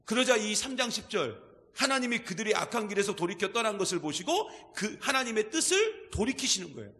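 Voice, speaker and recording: A male pastor preaching a sermon with emphatic delivery, dropping to quiet asides and rising to shouts. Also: sits high, big pitch swings, fairly quick, in a large hall. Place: church sanctuary.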